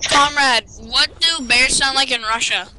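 Slow-talking playful gamer friend. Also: high-pitched, sharp tone, low-quality recording. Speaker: gaming friend. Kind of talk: casual gaming banter.

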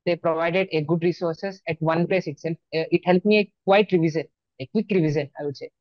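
A Telugu-speaking man in his early twenties from Andhra Pradesh, India, is interviewed as an exam topper, answering questions in a Telugu Indian accent. His fairly high, steady voice is brisk. The dry, dull lo-fi audio comes from wired earphones on a video call in a small plain room indoors.

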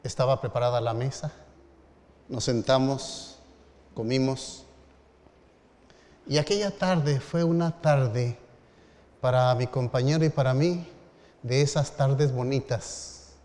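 A middle-aged pastor preaches at a medium pitch, unhurried, with pauses and rising emphasis. His voice carries a long reverb from a large hall or church. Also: darkish tone. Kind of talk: storytelling sermon.

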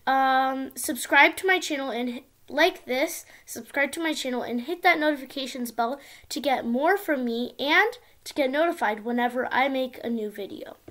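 A girl of about ten with an expressive, sing-song delivery, reading a storybook aloud as if to small children. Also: high voice, normal speed, few pauses. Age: child, around ten. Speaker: young video channel host reading a picture book. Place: small indoor room at home.

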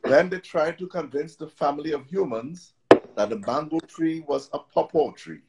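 A man narrating a children's story aloud in a steady, plain way. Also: a little high, normal speed, rough recording.

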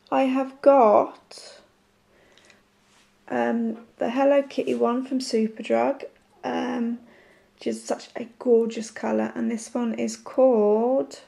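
A woman with a croaky voice from a sore throat, chatting casually and haltingly to camera as a nail art vlogger. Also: fairly high pitch, darkish tone.

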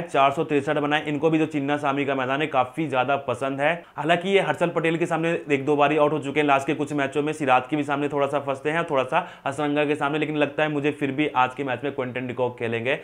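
A young man giving a fantasy cricket rundown to camera, quizzing himself with quick questions and answering them, recorded on a lapel mic in an indoor studio. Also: a little high. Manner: rapid, animated hand gestures, self-asking "who?" then answering. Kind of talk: fast scripted-free stats rundown to camera. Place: indoor studio with printed backdrop. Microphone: lapel mic, medium framing.

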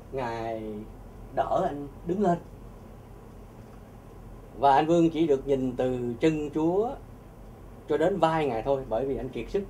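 A man telling a religious testimony to an audience, animated and often repeating words as he searches for them. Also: mid-range voice, distant mic, slight background noise. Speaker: speaker giving a religious testimony.

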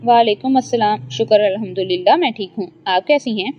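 A woman voicing a gentle, earnest young woman student. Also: medium pitch, close to an everyday voice. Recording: dry, slightly dull lo-fi.

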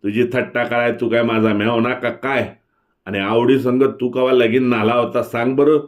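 A man voicing a shrewd village woman who turns frightened and begs for mercy, in a high, pleading voice. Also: unhurried, natural voice. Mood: scornful.

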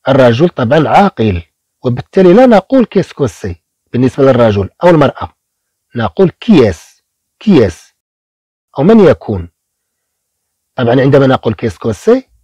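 A man teaching beginner French in Arabic, repeating each French word slowly, syllable by syllable. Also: mid-range voice, very animated, dark tone, husky, dry recording.

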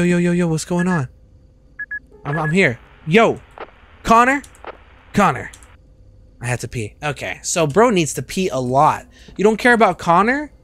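A young man in his twenties giving casual, joking commentary while streaming a game, with loud outbursts and swearing, on a studio mic. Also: fairly high pitch. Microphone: studio mic on arm.

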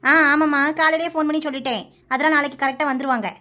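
A woman voicing a middle-aged mother who reassures in quick, chatty talk. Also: sits high, steady tone, sharp tone. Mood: reassuring.

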